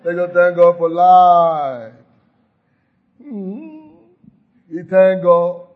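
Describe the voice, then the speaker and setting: Over phone-quality sound, a pastor with a high-sitting voice preaches extremely slowly. He exhorts the listeners and leads them in repeated call-and-response declarations, often crying hallelujah.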